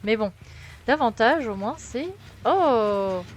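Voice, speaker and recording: A woman's voice: fairly high pitch, expressive, takes it slowly. A young French woman with a French accent, chatting and muttering to herself as she streams a game. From France. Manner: chatty, self-mocking, muttering to herself while playing. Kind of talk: casual gameplay commentary. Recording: game music playing behind.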